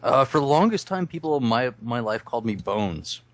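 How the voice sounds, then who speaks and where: A man's voice: mid-range voice, very animated, brisk. A man in a casual online group chat, ranting with lots of swearing, a bit drunk. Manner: profane ranting. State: tipsy. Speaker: podcast guest.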